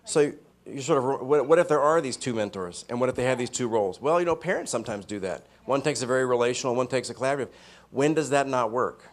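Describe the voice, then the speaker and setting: Male workshop presenter, mid pitch, chatty lecture style, keeps checking in with the room. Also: fast. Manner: conversational, asks audience "right?" often. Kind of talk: lecture to a live audience.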